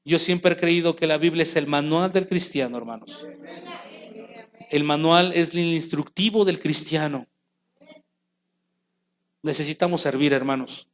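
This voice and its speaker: Man, pastor, high-pitched voice, sermon, animated preaching with acted-out quotes. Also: unhurried, pauses often.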